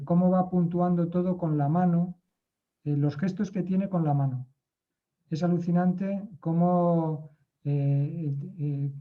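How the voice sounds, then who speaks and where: A man's voice: on the high side, narrow, tinny audio. A man talking in a casual group discussion, hesitant, with many fillers and restarts.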